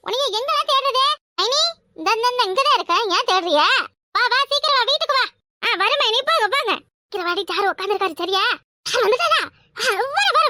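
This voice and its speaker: A woman voicing a brash, quarrelsome village woman in a cartoon, talking loudly and boastfully. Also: very high-pitched, no echo, studio quality, full character voice. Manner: loud, boastful, argumentative. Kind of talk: cartoon voice acting.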